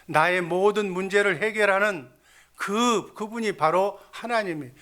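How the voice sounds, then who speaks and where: A pastor preaching with a forceful, bright tone that sits a little high for a man. He exhorts his flock, repeatedly blesses them in the Lord's name, and poses questions he answers himself. He leads them in call-and-response. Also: unhurried. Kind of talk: sermon.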